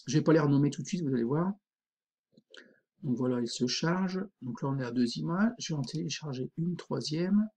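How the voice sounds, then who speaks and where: A man teaching a screen-recorded software tutorial, informal and thinking aloud, full of fillers. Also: a little high, expressive, brisk, breathy edge.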